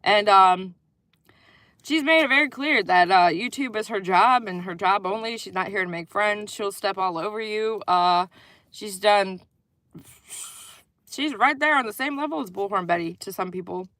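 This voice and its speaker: A woman's voice: mid-range voice, moderate pace, a bit bright. A woman talks through a casual livestream in a middle-range voice, circling her points with fillers and restarts. She is blunt and doesn't mind swearing. The sound is dry and close, with no room echo. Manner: rambling, many "like" fillers and restarts. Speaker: channel host.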